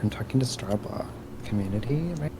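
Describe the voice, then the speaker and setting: A man with a lowish voice, drawling sarcastically in a voice call. Clear background noise runs under his voice the whole time. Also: expressive, fairly quick. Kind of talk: mocking voice-chat banter.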